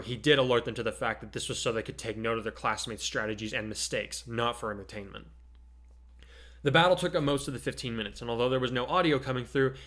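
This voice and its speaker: Speaking with medium pitch and a fairly bright tone, a man hosts his podcast casually. He mixes relaxed talk with dramatic readings of his own fiction.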